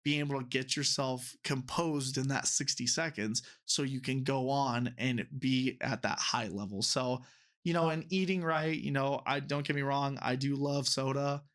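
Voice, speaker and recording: An American man in his twenties, a referee and teacher, speaks at a moderate pace in a mid-range, steady, fairly bright voice. Guesting in an interview, he chats casually and rambles, leaning heavily on "you know."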